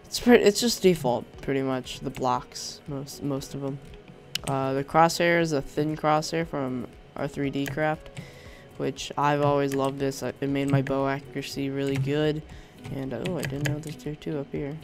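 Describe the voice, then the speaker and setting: A young man with a mid-range voice speaks at normal speed with fairly even intonation, faint music in the background. As a Minecraft YouTuber with a sore throat, he casually presents a resource pack, rambling and hesitating with frequent ums and restarts.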